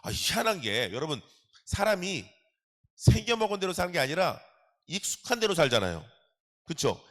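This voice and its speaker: Lively, bright-voiced man preaching. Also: on the high side, moderate pace. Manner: animated, exclamatory, joking, calls out to congregation. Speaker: pastor. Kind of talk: sermon.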